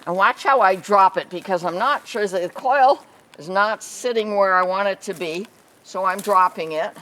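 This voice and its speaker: A woman hosting a casual vlog, training an alpaca outdoors and softly reassuring the animal as she explains each step. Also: medium pitch, normal speed, rough recording. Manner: soothing repeated reassurances to an animal. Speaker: alpaca trainer and show host. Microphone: camera mic, handheld at times.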